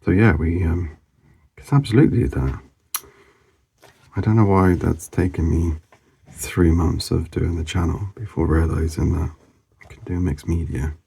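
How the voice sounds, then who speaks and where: Deep gravelly mumbling man drawing. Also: steady tone, normal speed, dark tone. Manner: mumbling, rambling, self-talk with fillers. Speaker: drawing channel host. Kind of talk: casual mumbled commentary while drawing.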